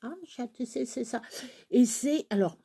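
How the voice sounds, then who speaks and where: A woman's voice: on the high side, normal speed, vocal fry, dark tone, slightly rough. A woman in her forties chatting to her viewers in a blunt, earthy way, swinging between laughter and tears. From France. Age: 40s. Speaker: crafting vlogger. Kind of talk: casual chat to camera.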